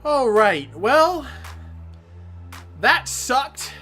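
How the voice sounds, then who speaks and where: A woman commenting on her own video game match, excitable and swearing freely, shouting at big plays. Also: sits high, very slow, faint music behind. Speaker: gaming commentator.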